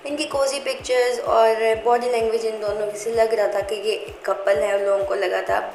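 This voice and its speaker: A woman's voice: a little high, little pitch movement, moderate pace, gravelly, a little mellow, roomy sound, soft background music, low-quality recording. A woman hosting a celebrity gossip channel, giving a scripted, chatty narration and mixing English words into her talk. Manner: chatty, reads viewer comments aloud, mixes English into Hindi.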